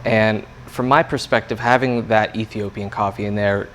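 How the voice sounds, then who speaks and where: A man's voice: fairly low pitch, fairly even intonation, moderate pace, a bit bright. A man working as a coffee roaster, explaining things in a casual interview chat with loose, hesitant phrasing. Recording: clear background room noise.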